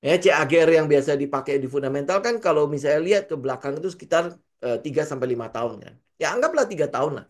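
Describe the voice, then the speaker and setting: A little high and expressive, this trading coach talks in rapid-fire bursts with a Jakarta-slang Indonesian accent. His laid-back lesson is full of rhetorical questions and acted-out trader talk.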